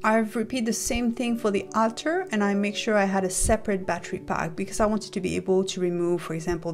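A woman narrating a step-by-step model-making tutorial as a voice-over, calm and methodical as she explains each stage. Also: fairly low pitch. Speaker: model maker explaining her build.

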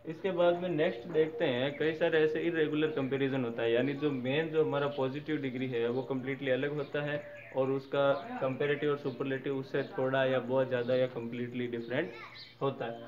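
This English grammar teacher spells out word endings and regularly checks that his viewers are following along. His mid-range voice is level, darkish and a little fast, heard in a slightly dull recording with faint noise.

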